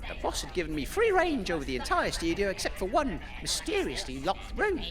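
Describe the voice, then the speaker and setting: Over music, a man's very high, gravelly voice swings hugely in pitch at a brisk clip in a full character performance. The role is a pompous, easily rattled British radio DJ in a comedic wasteland audio drama, bragging through anecdotes but hesitating when challenged.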